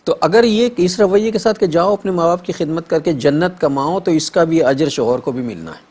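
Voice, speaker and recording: A male host of a religious TV talk show who speaks conversationally, explains things calmly and addresses the viewers directly. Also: a little high.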